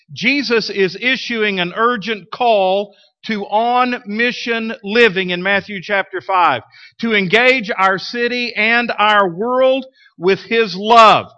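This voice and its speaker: A man, preaching as a pastor in a folksy, emphatic way. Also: high-pitched. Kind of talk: sermon. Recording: dull, muffled lo-fi church recording.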